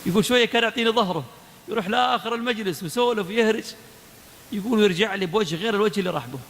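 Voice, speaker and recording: A man delivers a religious lecture at a brisk clip. His voice sits high, and he moves between urging the audience and acting out remembered conversations. A long reverb from the lecture hall trails every phrase. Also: fairly bright tone. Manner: exhorting, retells a story with quoted dialogue. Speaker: preacher giving a lecture.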